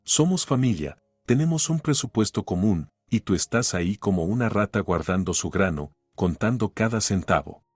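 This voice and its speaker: A man's voice: lowish voice, lively intonation, normal speed, hardly any pauses, a little mellow, husky, dry recording, studio quality. Man voicing a cold, scornful husband. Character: scornful, entitled young husband. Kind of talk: audiobook story reading.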